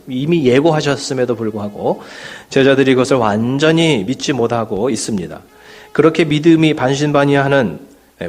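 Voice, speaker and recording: Man preaching in a conversational style. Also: medium pitch. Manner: conversational preaching with frequent fillers and asides. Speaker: pastor. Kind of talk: sermon. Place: church sanctuary.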